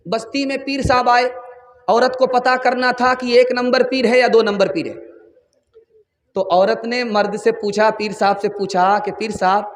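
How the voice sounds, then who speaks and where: High-voiced impassioned man preacher. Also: little pitch movement. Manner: impassioned, rising to shouts. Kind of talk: sermon with story telling. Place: large gathering hall. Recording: echoey hall.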